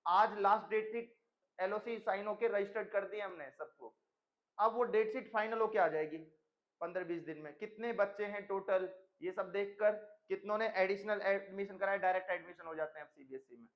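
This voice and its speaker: A man's voice: sits high, a little fast, lo-fi sound. A man teaching a chemistry class in a stern lecturing manner, mixing English terms into his speech. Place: coaching classroom.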